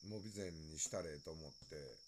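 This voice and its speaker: A man's voice: very deep voice, fairly quick, noisy background. A man with a Kansai accent chatting loosely on a late-night phone live stream, greeting viewers and laughing often. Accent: Kansai Japanese.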